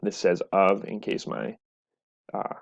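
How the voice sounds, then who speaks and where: Man teacher, lowish voice, explanatory lecture, muffled webcam audio. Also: little pitch movement, takes it slowly, gravelly, husky. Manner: explanatory, with frequent "right?" and "so". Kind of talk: recorded classroom lecture.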